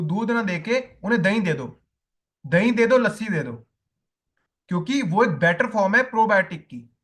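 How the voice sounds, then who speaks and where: Male coach, high voice, repetitive classroom teaching style. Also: a bit bright. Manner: repetitive, tells listeners to write points down. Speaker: diet coach. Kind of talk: spoken lesson to coaches.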